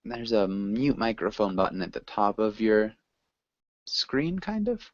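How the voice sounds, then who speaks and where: A man's voice: fairly low pitch, sing-song, measured pace, dry recording. Male online tutor, encouraging and easygoing, dry dull call audio. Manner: friendly, patient, encouraging. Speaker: online English teacher. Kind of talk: online class teaching. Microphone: video call.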